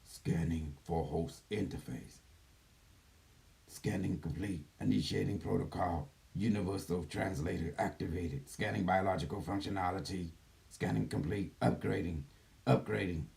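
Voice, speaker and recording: A man voicing a gentle care robot, a soft, slow computer system that calmly announces scans, upgrades and repairs. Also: deep voice, vocal fry, far from the mic, voice pushed down. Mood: calm, mechanical. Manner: calm, slow, flat announcements of system steps. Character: soft, slow male computer system running a healing protocol.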